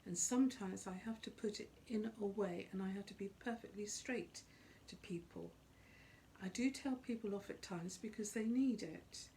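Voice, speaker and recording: A middle-aged or older woman speaking off the cuff as a psychic, in an earnest, emphatic way with deliberate, repeated phrasing. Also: medium pitch, dark tone, a little hiss or hum, poor audio. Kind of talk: unscripted spoken monologue on spiritual life.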